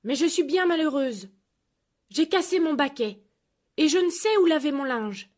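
A greedy, bad-tempered old fisherman's wife from a children's storybook, played by a woman. She scolds and demands in a loud, raised voice pitched far above the narration, rising and falling sharply. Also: animated, moderate pace. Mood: demanding.

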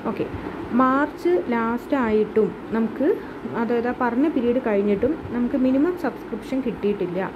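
A woman teaching commerce over slides, explaining in a mix of two languages with many fillers and reading English definitions slowly. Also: a little high, muffled recording, noisy background.

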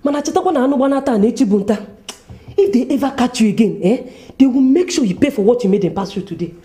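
A wry village wife in a Nigerian film. Her voice is fairly high but mellow, scolding, with a Nigerian accent. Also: lively intonation, slow. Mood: wry warning.

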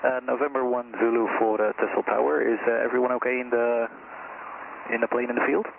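A man's voice: medium pitch, level tone, a little fast, gravelly. A man calling the tower over an aviation radio with static bursts, hesitating with fillers. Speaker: radio caller. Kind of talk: radio call. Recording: tinny radio transmission.

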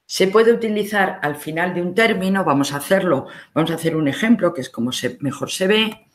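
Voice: mid-range voice, animated, a little fast. A university library instructor with a Spain accent, giving a recorded online lesson and patiently explaining each step of a screen demonstration.

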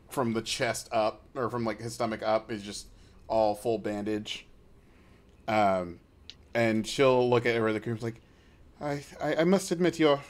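A man narrating as game master in an easygoing way, with many fillers. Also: fairly low pitch.

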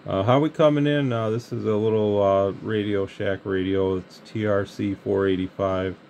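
Gravelly and on the low side, this Michigan man talks at a moderate pace in a relaxed Midwestern American way, hosting a channel as a CB radio enthusiast. Constant background hiss and radio noise fill the recording from his indoor radio bench.

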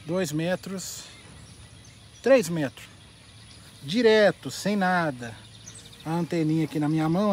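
A man with a Brazilian accent doing excited live fishing commentary outdoors at a pond, talking straight to his viewers and repeating his catchphrases. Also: sits high, a little hiss or hum. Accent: Brazilian Portuguese. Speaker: fishing vlogger.

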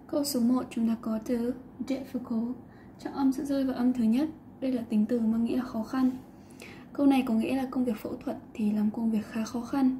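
A woman's voice: fairly high pitch, steady tone, a little fast, dark tone, a little hiss or hum. A woman teacher explaining an English lesson, patiently mixing English words into her talk.

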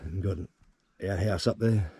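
Walking the open grassy high plains, this fifty-something Australian vlogger who camps alone in the outback talks into an action camera he wears or holds. His low voice is warm and creaky at a normal pace, and he rambles easily, dropping "eh" and "yeah" in casual chat. Slight hiss or hum is audible.

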